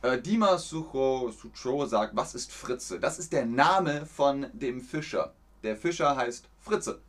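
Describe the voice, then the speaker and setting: Male livestream teacher, husky voice, precise and emphatic stage German articulation. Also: medium pitch, lively intonation, takes it slowly. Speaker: host teaching a livestream language lesson. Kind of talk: live lesson, talking with chat.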